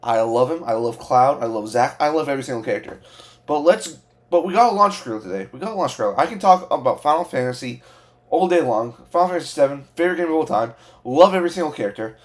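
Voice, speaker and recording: Overexcited babbling man, very animated pitch. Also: fast. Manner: overexcited babbling, gushing and repeating himself. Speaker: reaction video host. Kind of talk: excited fan reaction and commentary.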